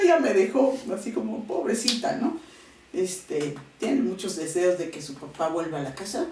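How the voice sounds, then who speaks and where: A woman in her thirties giving a heartfelt personal testimony in an interview, acting out what her family said. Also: medium pitch. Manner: expressive storyteller, voices quoted family. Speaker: interview guest. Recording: echoey room, mic at a distance.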